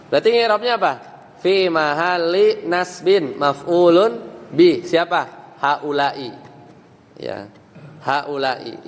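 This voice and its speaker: A man's voice: fairly high pitch, slight background noise. Man teaching in an echoey hall. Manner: questioning, quizzing students with quick prompts. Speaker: Islamic teacher. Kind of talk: classroom lesson on Arabic grammar.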